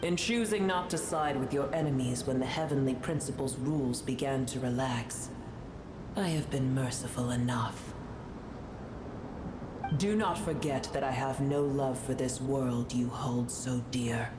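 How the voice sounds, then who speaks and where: An actress playing an ancient, haughty dragon sovereign who scorns humans, speaking in an imperious, formal, deliberate way in a video game. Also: female voice, rumbling low, noisy background. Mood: haughty, scornful. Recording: roomy echo with music underneath.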